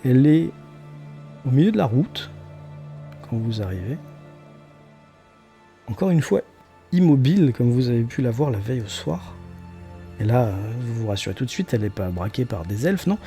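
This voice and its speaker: A man's voice: mid-range voice, big pitch swings, normal speed, long pauses, dark tone. A man narrating an improvised tabletop role-playing game as game master. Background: faint music.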